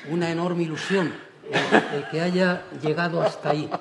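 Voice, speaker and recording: A man's voice: a little high, steady tone, moderate pace, heavy background noise. An older man, a painter speaking on a panel in a large auditorium, who chuckles often and restarts his phrases. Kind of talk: panel discussion.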